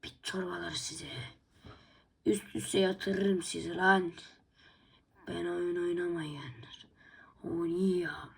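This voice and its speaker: A woman voicing a menacing, angry male cyborg dog in a low hissing whisper, as a whispered role-play in a video game. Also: flat delivery, slow pace, gravelly, pauses often, breathy edge, exaggerated voice.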